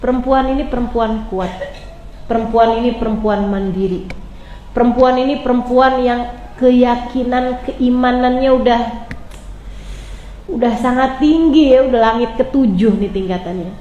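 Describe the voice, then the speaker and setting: A woman's voice: a little high, moderate pace, dark tone, echoey room, highs cut off. Chatty woman preacher telling a story. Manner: colloquial, chatty, addresses listeners as friends. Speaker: religious teacher. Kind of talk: storytelling religious lecture.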